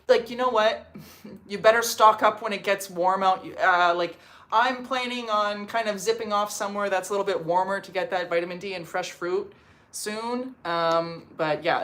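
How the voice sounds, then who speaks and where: Speaking from her home in Portugal, this Canadian livestream host reads out and answers viewer comments in a relaxed, chatty way, dropping "like" again and again. Her pitch is fairly low, and her tone comes across fairly bright.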